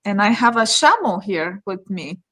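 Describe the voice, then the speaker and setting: A woman's voice: mid-range voice, sing-song, moderate pace, a bit bright. A woman from Arizona hosting her own channel, asking her guest short friendly questions. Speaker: channel host. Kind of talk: casual interview hosting.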